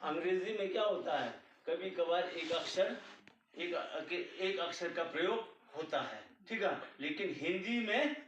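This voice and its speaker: A man's voice: high voice, measured pace, a bit bright, a little hiss or hum. A man teaching a language class patiently, often checking whether his students follow. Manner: patient, repeats "ठीक है" often, checks understanding. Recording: echoey room, distant mic, dull sound.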